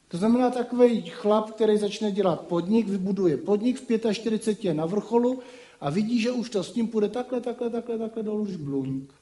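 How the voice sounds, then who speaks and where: A man's voice: high voice, dark tone. A man giving a casual spoken lecture, talking colloquially with frequent rhetorical asides. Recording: roomy echo.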